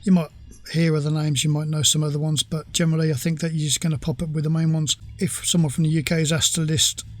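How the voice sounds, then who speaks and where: A man's voice: a little high, flat delivery, fast talker. A man commenting casually on a video, explaining at length with restarts. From United Kingdom. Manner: rambling, explanatory, many restarts. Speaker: reaction video host.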